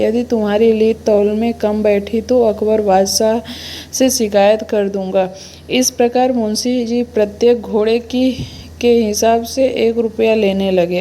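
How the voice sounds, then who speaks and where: A woman telling a folk tale in a slow, unhurried reading, with small restarts along the way. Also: mid-range voice, warm tone, a little hiss or hum. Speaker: storyteller.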